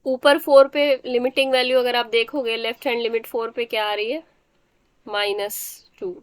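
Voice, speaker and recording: A woman with a somewhat high voice teaches a math class. She walks through each step patiently and keeps asking whether the students follow. The sound is dry and close. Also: flat delivery, normal speed, no echo. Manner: explains step by step, often checks understanding. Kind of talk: math lecture.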